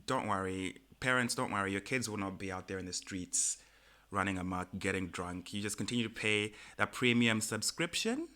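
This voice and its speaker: A man co-hosting a podcast in casual chat, who gets animated and jumps high in pitch when he quotes people. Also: moderate pace. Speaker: podcast co-host.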